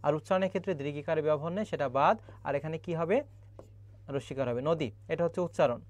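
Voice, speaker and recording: A young man runs a live-streamed grammar lesson, his voice sitting fairly high for a man. He keeps asking the viewers questions and reads their comments back to them. The sound is dry and close, with no room around it. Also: quick pace, darkish tone, dry recording. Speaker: online admission-prep teacher.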